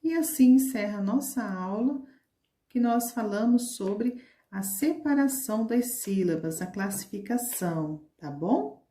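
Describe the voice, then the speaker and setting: A woman teacher with a Brazilian Portuguese accent giving a slow, patient lesson to young children, stretching out words as she demonstrates them. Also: medium pitch, expressive, warm tone, echoey room.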